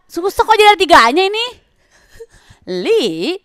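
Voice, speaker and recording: A woman's voice: high voice, animated, fast talker, fairly bright tone, no echo, clean studio sound. A woman hosting a casual chat, playful and encouraging toward her guest. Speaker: host.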